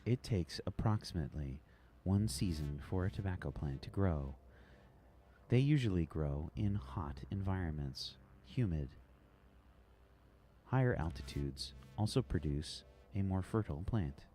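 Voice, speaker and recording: Man voicing a deep, measured starship computer. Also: animated, warm tone. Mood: flat, informative. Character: starship computer answering queries in measured monotone.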